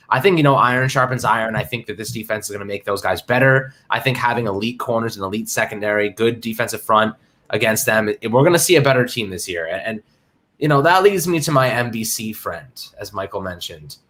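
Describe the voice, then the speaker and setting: A man's voice: mid-range voice, bright, forceful tone. A man hosting a casual sports livestream, talking in hyped slang and greeting chat viewers by name. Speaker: livestream host.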